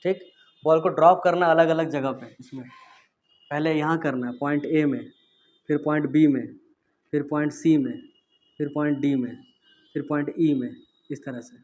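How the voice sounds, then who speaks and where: In a classroom lecture, a man with a slightly high voice teaches physics, chatting casually while he quizzes students and demonstrates with objects. The audio is dull.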